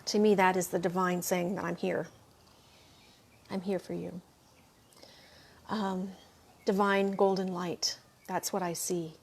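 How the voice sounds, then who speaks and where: A woman hosting a spiritual livestream, gushing over viewer comments and thanking everyone again and again while she clears her throat now and then. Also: fairly low pitch, little pitch movement, takes it slowly, long pauses. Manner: reads viewer comments aloud and answers them. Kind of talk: live chat after a meditation.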